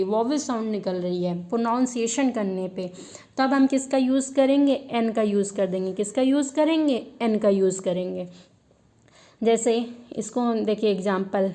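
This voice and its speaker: A woman's voice: fairly high pitch, a little mellow. A woman teaching an English grammar lesson, asking her students questions and answering them herself, and repeating the key words as a drill.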